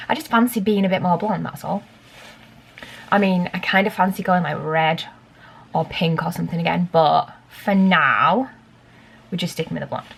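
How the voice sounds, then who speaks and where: A young woman chatting away to her camera at home, rambling and full of fillers. Her voice carries a gravelly fry, with a faint hiss behind it. She keeps talking to herself as she works. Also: fairly low pitch, fairly bright tone. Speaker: beauty vlogger. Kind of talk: casual chatty vlog.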